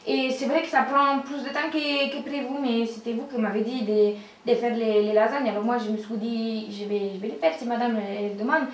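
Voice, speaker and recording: A woman's voice: fairly high pitch, fairly even intonation, normal speed, hardly any pauses, lightly acted. A woman voicing a flustered Spanish housemaid who stammers apologies in a Spanish accent and mixes in Spanish words. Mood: flustered apologetic. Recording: roomy echo, far from the mic.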